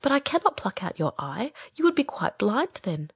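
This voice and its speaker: A woman's voice: a little high, big pitch swings, moderate pace, slightly rough, no room sound, studio quality, exaggerated voice. A woman playing a small, good-hearted male swallow in a storybook, speaking earnestly and expressively. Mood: devoted, tender. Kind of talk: acted storybook dialogue.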